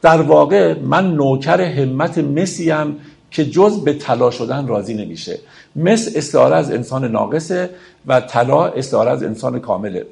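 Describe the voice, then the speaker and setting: A man's voice: mid-range voice, animated, gravelly, darkish tone. A man giving a lecture on classical poetry, explaining verses and addressing his listeners as friends.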